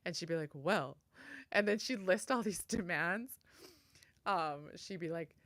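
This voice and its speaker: A woman, hosting a solo podcast and sharing memories in a soft, heartfelt way, close to the mic. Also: fairly low pitch, unhurried, no echo. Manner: soft, heartfelt, tender storytelling. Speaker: podcast host.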